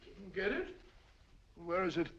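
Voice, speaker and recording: An actor playing a bluff, good-natured doctor and sidekick in a 1940s film, with a gravelly, hearty voice. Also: male voice, high voice, lively intonation, a little slow, a bit bright, full character voice. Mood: puzzled. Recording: dull lo-fi old film soundtrack.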